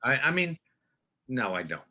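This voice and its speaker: An older man talks as a guest on a casual podcast, his voice bright and forceful. He rambles and stumbles through his stories, restarting sentences and circling back on himself. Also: mid-range voice, big pitch swings, slightly rough. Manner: rambling, halting storyteller with many restarts. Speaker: guest actor.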